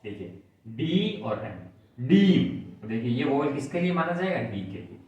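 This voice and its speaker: A man's voice: medium pitch, big pitch swings, measured pace, a little mellow, highs cut off. Male shorthand teacher, patient and methodical, in a mid-range voice, with a roomy, distant sound. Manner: patient, step by step, asks if students follow. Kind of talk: classroom lesson explaining on a board. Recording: very echoey room, mic at a distance.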